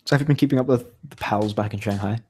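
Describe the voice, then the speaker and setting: A young man co-hosting a podcast talks fast in a lowish, slightly mellow voice with a breathy edge. He rambles through casual chat, poking fun at himself and laughing often.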